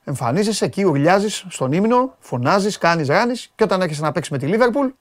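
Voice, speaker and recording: A man delivering a satirical comic monologue about football, with mocking rants that jump from loud outbursts to low muttered asides. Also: lively intonation, dry recording. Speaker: comedian doing football commentary.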